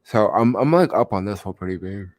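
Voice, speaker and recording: A man's voice: on the low side, lively intonation, brisk, dry recording. A young man chatting casually about stocks on a livestream, rambling with lots of fillers and answering viewers, sounding sleepy. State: sleepy, yawning. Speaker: stock vlogger.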